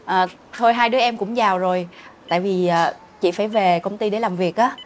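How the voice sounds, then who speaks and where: A woman's voice: medium pitch, steady tone, brisk, a little hiss or hum, natural voice. An actress playing an evasive woman, hesitating with many fillers. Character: evasive woman making excuses to leave.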